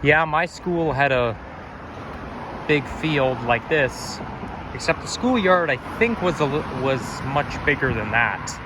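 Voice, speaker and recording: A young Toronto man, a walking-tour vlogger, narrates a casual street walk outdoors while faint traffic passes. His mid-range voice is strong and slightly growly, a bit hoarse as if he has a frog in his throat. He speaks slowly with lively intonation, rambling, correcting himself, and musing aloud.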